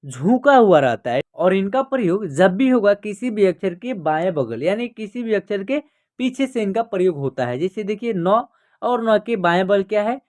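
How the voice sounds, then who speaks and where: A man teaching an online reading lesson, asking himself questions, answering them, and drawing words out slowly. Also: high-pitched, animated, a little mellow. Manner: slow, drawn-out reading of words.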